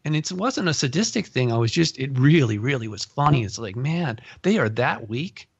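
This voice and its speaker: A man hosting an interview, telling animated personal stories and laughing often as he talks. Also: mid-range voice, normal speed, breathy edge, dry recording, lo-fi sound. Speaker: podcast host. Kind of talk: casual interview storytelling.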